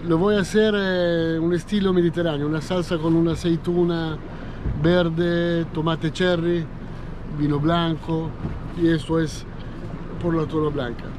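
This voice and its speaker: A man's voice: fairly high pitch, level tone, a little slow, background noise. A middle-aged man with an Italian accent, a chef talking casually about cooking fish, hesitant with many fillers, outdoors on a small boat at sea.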